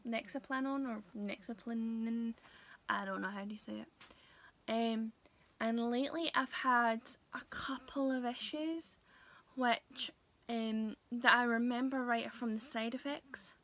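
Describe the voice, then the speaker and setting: Slow, hesitant young woman. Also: fairly high pitch, steady tone, fairly bright tone. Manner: hesitant, many pauses and fillers. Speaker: vlogger. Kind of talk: casual vlog talk to camera.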